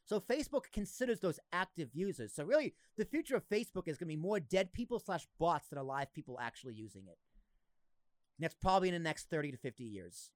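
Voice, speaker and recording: Young guy w slight boston accent, podcast host, kinda high voice, dry close sound, jokey and animated. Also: no room sound. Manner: animated, laughs often, quick asides. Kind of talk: casual chat.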